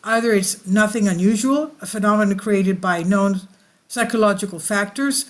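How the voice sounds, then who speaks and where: A woman reads an article aloud on her channel, frequently stumbling and correcting herself mid-sentence. Her voice is mid-range and her pace moderate.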